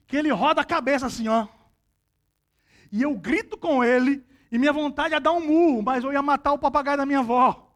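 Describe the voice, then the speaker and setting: A male pastor preaching a sermon, telling a personal story with sudden loud outbursts. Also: very high voice.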